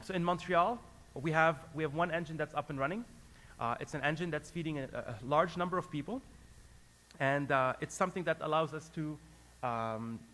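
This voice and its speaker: A Lebanese-raised company founder gives a business presentation to an audience, sounding earnest and hesitant as he restarts often and leans on fillers. His voice is slightly high and a bit bright.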